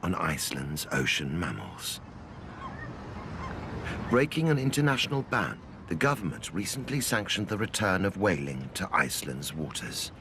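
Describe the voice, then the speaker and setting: Male nature documentary narrator, deep register, expressive melodic range, scripted read. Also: moderate pace, background noise. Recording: music bed behind voice. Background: background music.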